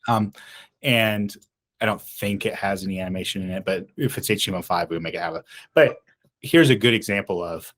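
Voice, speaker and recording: A man with a fairly low voice talks through ad design on a casual podcast. He wanders, restarts his sentences and fills gaps with ums. Now and then he laughs at himself. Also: brisk, a bit bright. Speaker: podcast co-host. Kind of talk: casual podcast chat about advertising.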